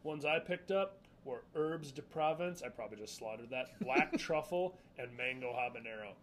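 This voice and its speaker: A man co-hosting a casual podcast, excitable and joking, often breaking into laughter. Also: mid-range voice, normal speed, slight background noise, rough recording. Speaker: podcast co-host.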